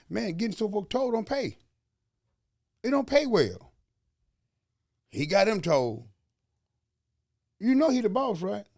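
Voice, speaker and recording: With a mid-range, somewhat dark voice, a man from Alabama, USA, runs a motivational podcast in his Southern accent. He preaches in a homespun way, leaning on slang and rhetorical questions. There's no room sound, just clean studio audio.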